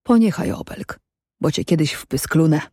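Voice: mid-range voice, expressive, moderate pace, mellow, no echo, clean studio sound, natural voice. A storyteller voicing a stubborn, secretive man in an audiobook, replying tersely and bluntly. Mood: curt stubborn. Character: stubborn, curt mysterious man.

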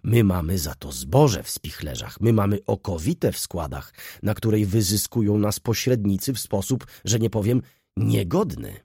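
A man's voice: lowish voice, lively intonation, moderate pace, vocal fry, mellow, slightly rough, dry recording, studio quality, exaggerated voice. A man voicing an aggrieved country nobleman who complains in a plaintive, whining voice. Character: tearful, aggrieved middle-aged country nobleman.

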